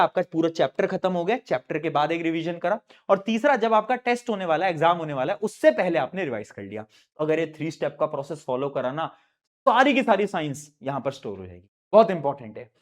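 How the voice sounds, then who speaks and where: An Indian man, a young teacher, coaches students on how to study. His voice sits high for a man. He moves briskly between his students' imagined questions and his own answers. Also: lively intonation. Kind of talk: energetic study-advice talk to students.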